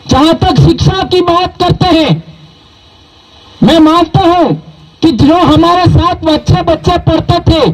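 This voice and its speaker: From a stage at a public event, a community speaker gives a stirring speech to the crowd, his high voice emphatic as he quizzes listeners with rhetorical questions. He comes from southern Rajasthan, India, and his first language is Bhili. Audio quality is poor.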